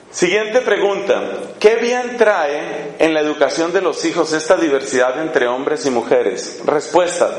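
A man preaching emphatically as he answers questions, speaking straight to his listeners with rhetorical questions. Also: on the high side. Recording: echoey room.

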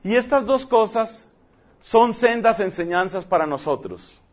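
A man preaching a sermon, telling a story emphatically and rushing through asides. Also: sits high, animated. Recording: dull lo-fi recording.

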